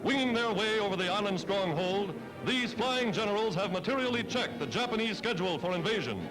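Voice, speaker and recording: On a vintage soundtrack with poor audio, an American man delivers scripted 1940s wartime newsreel narration, emphatic and declamatory. His voice sits high with animated intonation, he talks a little quickly, and rather loud music runs underneath.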